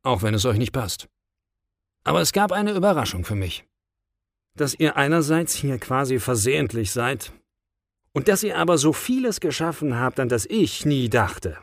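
Male reader as a tired, irreverent God; lively delivery, dry close sound. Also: medium pitch, normal speed, dry recording. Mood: musing. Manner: blunt, casual and world-weary. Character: weary, irreverent God, adult man. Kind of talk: audiobook reading.

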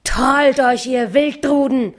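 A woman's voice: on the high side, slow. A woman doing a bellowing robber chief. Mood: furious. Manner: bellowing, rowdy. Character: boisterous burly robber chief man. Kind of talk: audiobook reading.

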